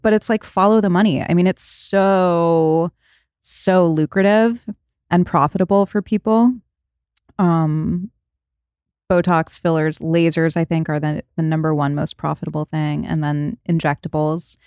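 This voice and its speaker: A woman's voice: low-pitched, steady tone, measured pace, darkish tone, clear, resonant tone, no room sound, studio quality. A woman in her late thirties hosting a podcast, chatting casually, laughing often and trailing off mid-thought. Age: 30s. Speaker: podcast host. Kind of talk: casual chat.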